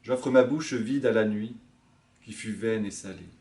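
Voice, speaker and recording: A male librarian reading a poem aloud in a quiet, hushed, measured way. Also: on the low side. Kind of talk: poetry reading.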